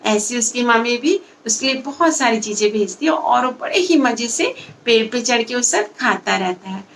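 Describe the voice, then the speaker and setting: A woman's voice: on the high side, lively intonation, normal speed, a bit bright, slight background noise. A woman telling a moral story to children in a chatty way, talking to the kids directly.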